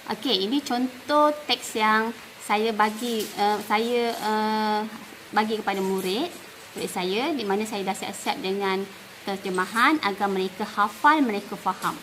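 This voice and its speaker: A Malaysian woman teaching, explaining step by step and repeating words slowly to model pronunciation. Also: mid-range voice, a bit bright, a little hiss or hum, low-quality recording. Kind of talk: instructional talk.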